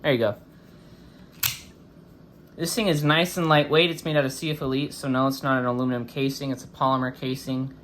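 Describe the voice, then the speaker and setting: A man's voice: medium pitch, level tone, a little fast, pauses often, a bit bright, a little hiss or hum. A man hosting a casual, chatty product review, his speech slightly impeded by a swollen face after having wisdom teeth out. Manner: informal, chatty. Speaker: host of a knife review channel.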